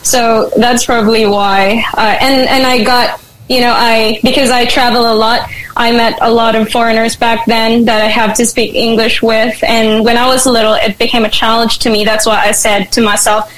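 A woman's voice: on the high side, little pitch movement, normal speed, fairly bright tone, low-quality recording. A woman in her twenties with a Filipino accent, a native Tagalog speaker, chatting bubbly and laughing often as a guest over a remote call. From Philippines. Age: 20s. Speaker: interview guest. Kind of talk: casual interview.

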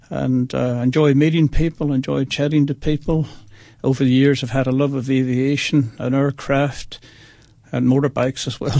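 A Northern Irish man in his sixties, medium-pitched with a slightly mellow tone, tells his life story as a radio guest. He is chatty and earnest, speaking straight to the listeners in a casual, testimonial way, and the recording has no echo.

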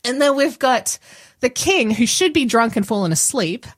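An Australian woman hosting a casual Bible discussion, retelling the story with lively acted-out asides. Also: a little high, no echo, clean studio sound. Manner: animated, acts out characters in quick asides. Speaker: Bible study host.

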